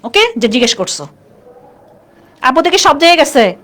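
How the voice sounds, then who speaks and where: A woman's voice: high-pitched, big pitch swings, normal speed, a bit bright. A woman teaching a live online class, chatty and constantly quizzing her students. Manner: chatty, keeps asking students questions.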